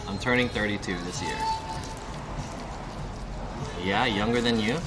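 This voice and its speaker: Eating alone in a restaurant, a man in his thirties chats with his live-stream viewers in an unhurried, lowish voice. He rambles, swears and asks his audience lots of questions, with music playing in the background of the indoor setting.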